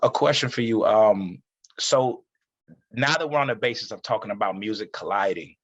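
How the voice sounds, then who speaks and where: A man hosting a casual interview, talking in a relaxed, slangy way and switching between English and Spanish. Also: fairly low pitch, normal speed, breathy edge, muffled recording. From United States. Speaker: podcast host.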